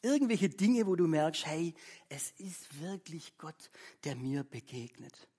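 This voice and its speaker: Middle-aged preacher, husky tone, casual devotional sermon with scripture reading. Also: medium pitch, expressive, a little slow, warm tone. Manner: chatty, keeps asking "ja?" of listeners; reads scripture aloud between remarks.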